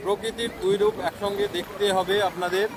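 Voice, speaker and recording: A man reports live to online viewers. He explains in short phrases, repeating himself with pauses to think. He is outdoors on a phone, with clear wind and sea noise on the mic. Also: high voice, fairly even intonation. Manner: repetitive explanatory delivery with hesitant pauses. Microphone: mobile phone. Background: roaring waves and wind.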